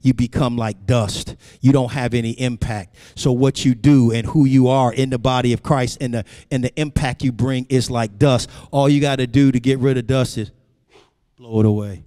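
A man's voice: mid-range voice, fairly even intonation, normal speed, mellow, studio quality. A male pastor preaching a sermon with a preacher's rising cadence, often calling out "Amen" to the congregation. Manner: preacher cadence, rising to a sung, climbing delivery. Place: church sanctuary. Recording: long hall reverb.

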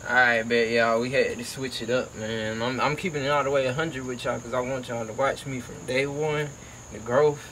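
A young adult man from Georgia in the United States, an HVAC technician who vlogs, records outdoors by a house. His mid-range voice is steady, bright, and forceful at a moderate pace, and he talks casually and emphatically in slang, like a motivational vlogger. The audio is poor, with a little hiss or hum.

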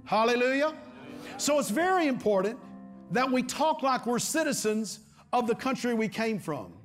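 A man's voice: very high-pitched, sing-song, moderate pace, soft background music. A middle-aged man preaching a sermon to his congregation, repeating his phrases and calling for amens. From Texas. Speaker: pastor. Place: large church stage before a congregation.

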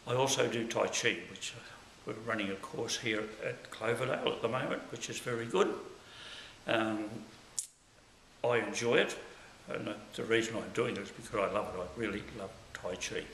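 An older man in his sixties with a gravelly, earthy voice introduces himself plainly and earnestly. The room rings around him and a faint hiss sits under the recording. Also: on the low side, moderate pace, fairly bright tone, roomy sound, low-quality recording. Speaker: community centre member. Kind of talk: short on-camera introduction. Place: indoor room, plain wall.

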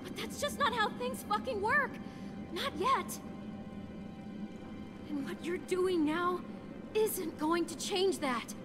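Teenage girl survivor, very high, tough, weary, impassioned, video game, loud score. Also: expressive, slow, pauses often, over music, heavily acted. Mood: frustrated, firm. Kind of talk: dramatic video game acting.

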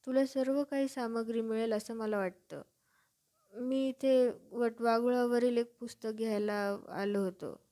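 A woman's voice: a little high, steady tone, unhurried, dark tone, close to an everyday voice. A woman voicing a stammering, jittery young professor. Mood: nervous. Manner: stammering, timid. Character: stuttering nervous young male professor.

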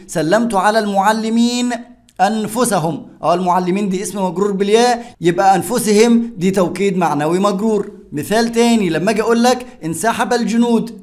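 A man speaking with an Egyptian accent, teaching a grammar lesson step by step and answering his own questions. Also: high-pitched. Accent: Egyptian Arabic.

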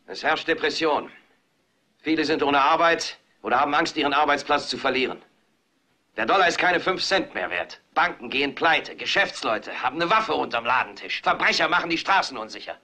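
An actor playing a weary, furious news anchor who lectures his viewers on air and whips them into shouting, in a dubbed film drama. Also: on the high side, lively intonation, a little fast, full character voice. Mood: grim, brooding. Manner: builds from grim brooding to hoarse shouted commands. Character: weary middle-aged male TV anchor, furious and rousing.

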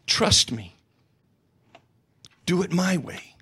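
A calm, insistent God acted out by a preacher speaks low and coaxing in a sermon retelling. His male voice still sits fairly high, and each line comes soft and patient. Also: drawn-out words, husky, full character voice.

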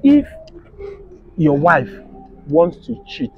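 A man's voice: fairly high pitch, very animated, extremely slow, narrow, tinny audio, a little hiss or hum, heavily acted. A man in his thirties with a Nigerian, West African accent playing a sensible bystander giving emphatic advice in a comedy skit. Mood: firm, advising. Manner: emphatic, advising, repetitive. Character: sensible bystander counselling a jealous husband. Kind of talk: naturalistic comedy skit acting. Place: outdoors on a street.

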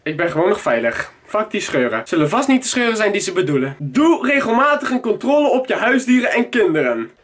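A young man with a Dutch accent, vlogging casually in a jokey, animated way and swearing often. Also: high-pitched, brisk, a little hiss or hum. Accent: Dutch (Netherlands). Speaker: YouTuber. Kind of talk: casual vlog. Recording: background music under the voice.

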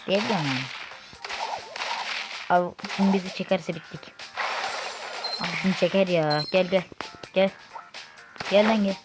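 A woman doing casual gameplay commentary from her room, excitable and cursing at teammates. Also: on the low side. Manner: excitable, swears and shouts at teammates. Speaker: gaming YouTuber. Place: own room at home. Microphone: faulty desk microphone. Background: loud game music.

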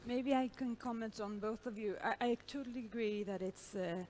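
A woman's voice: fairly high pitch, steady tone, moderate pace, a little mellow, slight background noise. Middle-aged woman pondering on a panel. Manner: reflective, with frequent hesitations. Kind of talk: panel discussion. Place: large stage. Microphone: headset.

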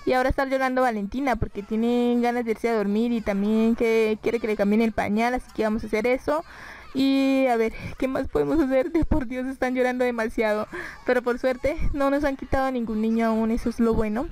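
A woman chats through a life-simulation game at her computer microphone. Her voice sits a little high, and she sounds chatty and exasperated as she comments on the play. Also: steady tone, fairly quick, a little mellow, rough recording. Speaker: gaming YouTuber. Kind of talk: casual let's-play commentary.

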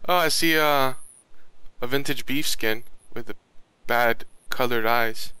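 A man's voice: medium pitch, a little slow, sharp tone, smooth, no room sound. A man chatting casually as he plays a video game with a friend over voice chat. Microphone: voice chat call while gaming. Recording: background noise, clicking sounds.

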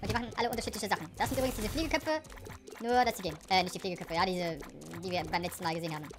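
A woman giving let's play commentary on a game, excitable, shrieking at danger, then dropping to low mutters, with English phrases sprinkled in. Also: very fast, music in the background. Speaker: gaming YouTuber.

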